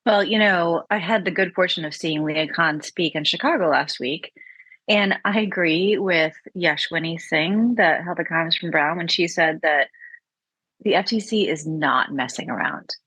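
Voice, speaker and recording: Female podcast co-host, husky low voice, inquisitive conversational tone, dry close sound. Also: normal speed, fairly bright tone, no room sound. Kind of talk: podcast discussion.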